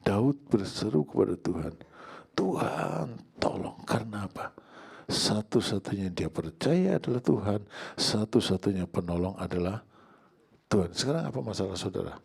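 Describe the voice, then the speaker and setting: Older male pastor for a church sermon; low raspy voice, swings from hushed pleading to loud cries. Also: expressive, normal speed.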